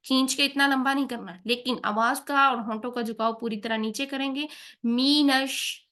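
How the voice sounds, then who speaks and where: A patient woman teaches Quran recitation, and her voice sits a little high. She explains each pronunciation point step by step and keeps checking that her learners follow. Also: fairly even intonation, bright, forceful tone. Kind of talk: tajweed lesson with slow recited examples.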